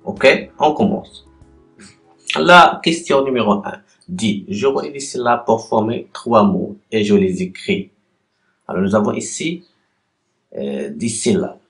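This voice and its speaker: A man teaching a class, guiding learners through written exercises with deliberate pauses and spelled-out syllables. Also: lowish voice, expressive, creaky, fairly bright tone, faint music behind. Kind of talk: slow, patient classroom exercise walkthrough.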